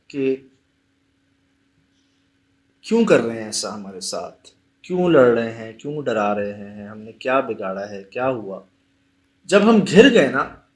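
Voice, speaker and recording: A man, a paranormal investigator retelling a haunted visit in a lively, dramatic way. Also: mid-range voice. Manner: animated, dramatic retelling with rising emphasis. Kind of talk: casual storytelling chat.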